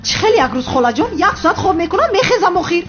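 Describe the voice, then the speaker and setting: A woman's voice: high-pitched, sing-song. An actress dubbing a young woman, unwell and suspicious of her family. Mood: weary. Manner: tired, suspicious. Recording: dull lo-fi with loud music.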